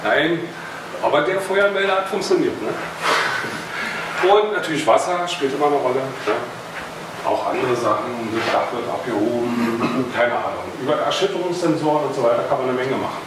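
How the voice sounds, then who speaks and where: A Berlin man in his thirties, with a mid-range voice at normal speed, gives a casual hobby talk on a technical topic, chatting loosely with fillers and little jokes as he moves around a meeting room with a projector screen. A far camera across the room catches him in a noisy, very echoey recording.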